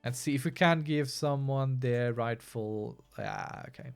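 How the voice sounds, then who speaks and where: Faint music sits behind a man's smooth, unhurried mid-range voice as he streams a strategy game. Casual and wry, he responds to his chat while playing.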